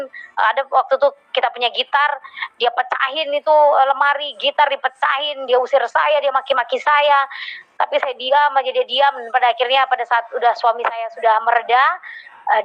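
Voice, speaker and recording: A woman telling a heartfelt personal testimony to a congregation, with many hesitant fillers. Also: sits high. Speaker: church member giving testimony. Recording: dull lo-fi recording.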